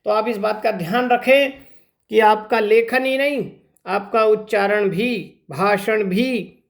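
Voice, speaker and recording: A man's voice: high-pitched, takes it slowly. A male teacher giving an exam-prep grammar lesson, explaining step by step and asking rhetorical questions. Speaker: Hindi teacher.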